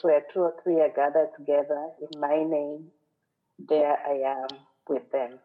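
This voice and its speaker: A woman from western Kenya with a Kenyan accent, giving an earnest, reflective sermon as a guest speaker at a church. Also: low voice. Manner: earnest, reflective, quotes scripture and song lyrics. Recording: phone-like narrow sound.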